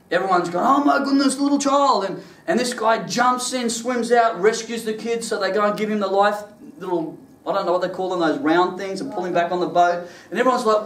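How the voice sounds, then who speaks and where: Male preacher, high-pitched and lively, recorded from a distance in a reverberant hall. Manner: animated storytelling, laughs through his stories. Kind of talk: sermon with personal testimony. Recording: echoey room, mic at a distance.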